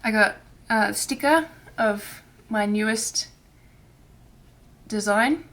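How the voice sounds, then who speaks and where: Hoarse and raspy because her throat is irritated, a cross-stitch vlogger chats casually on her own crafting channel. Her mid-range voice is soft, and she speaks haltingly with many restarts.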